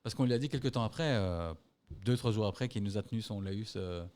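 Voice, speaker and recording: A man with a fairly low voice, swearing and doing impressions as he tells rambling stories in a casual podcast. His delivery is loose and relaxed. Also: quick pace. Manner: loose, swearing, mimics others in quotes. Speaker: podcast co-host. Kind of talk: casual chat, storytelling.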